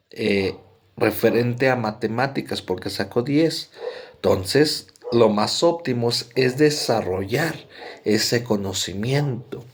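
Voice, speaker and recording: A man with a Mexican accent giving a conversational psychology lecture, often checking in with his listeners. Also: on the low side. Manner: conversational, frequent "¿no?" tags and fillers. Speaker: psychology presenter. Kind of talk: explanatory lecture.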